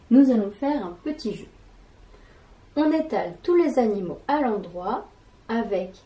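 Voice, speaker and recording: Slow, mellow-voiced woman teaching syllables. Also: fairly high pitch, poor audio. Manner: spells out syllables and sounds deliberately. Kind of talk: slow, clearly articulated classroom lesson.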